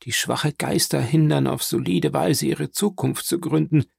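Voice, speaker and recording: A man's voice: fairly high pitch, measured pace, gravelly, slightly rough, dry recording, studio quality, exaggerated voice. A man voicing a frail, stern old grandmother who speaks in an imperious, insistent way, in an audiobook reading. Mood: commanding.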